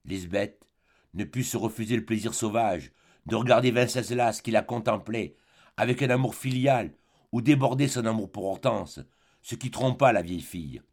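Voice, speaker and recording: A man reading a literary audiobook in a measured, dramatic way. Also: on the low side, darkish tone. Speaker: audiobook reader.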